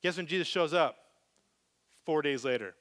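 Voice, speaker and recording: A pastor preaching a live sermon with a higher-than-usual voice. He is animated, pushing some lines out loud and dropping others to a hush. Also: moderate pace. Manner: animated, swings from loud to very soft.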